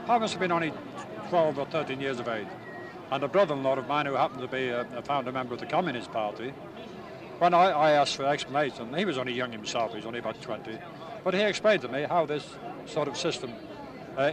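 Older Irish-born man recalling war, outdoors. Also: on the high side. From Ireland. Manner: plain, unhurried storytelling with hesitations. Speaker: war veteran interviewee. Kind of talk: recalling memories in an interview. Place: outdoors at a busy city gathering. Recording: distant mic, crowd noise behind.

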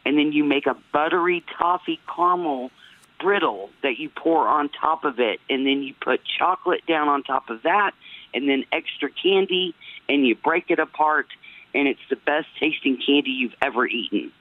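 A woman's voice: low voice, moderate pace, dry recording. Female radio caller, American accent, casual step-by-step explainer, thin phone-line sound. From United States. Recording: narrow tinny phone line.

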